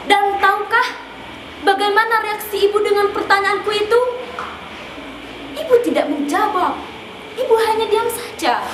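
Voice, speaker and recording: A woman performing a theatrical monologue as an anguished, fatherless daughter, a sorrowful tragic heroine speaking in declamatory phrases with dramatic pauses. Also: extremely high pitch. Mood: mournful. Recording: distant, echoey, clearly noisy room recording.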